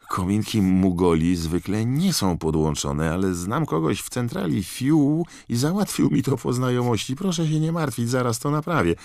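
A man voicing an excitable middle-aged wizard father who is curious and fussy, in an audiobook. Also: no echo, studio quality. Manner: high-pitched, wondering, drawn-out exclamations. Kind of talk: audiobook character voice.

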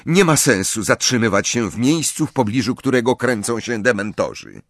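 A man voicing a clever, bossy teenage girl witch who talks briskly and impatiently. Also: medium pitch, very animated, no room sound, studio quality. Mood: worried, coaxing.

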